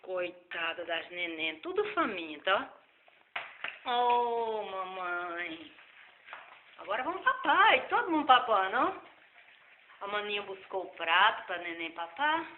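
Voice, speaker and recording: A woman talking coaxing sing-song baby talk to her pets at home, her voice squealing up high, filmed on a phone. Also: sing-song, slow, pauses often. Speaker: pet owner. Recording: tinny echoey noisy phone video.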